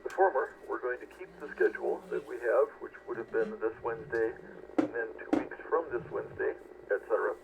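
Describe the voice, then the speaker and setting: A man with a heavily creaky, gravelly voice speaks over a two-way radio with faint noise. He gives orderly, rather formal announcements to an amateur radio net. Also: mid-range voice, a little fast. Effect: two-way radio transmission.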